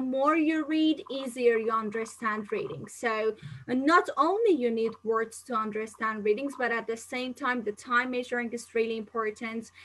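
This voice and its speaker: Woman from Singapore, online English teacher, chatty, answers viewer questions live, bright tense tone, fairly high voice. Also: poor audio. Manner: frequent fillers and restarts, non-native phrasing. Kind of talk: live-streamed exam-prep lesson.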